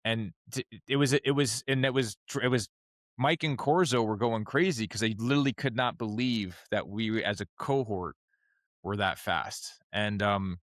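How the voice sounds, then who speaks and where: A man guesting on a podcast in casual chat, halting with many restarts. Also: lowish voice, steady tone, no echo, clean studio sound. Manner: halting, many restarts, warms up and gets emphatic.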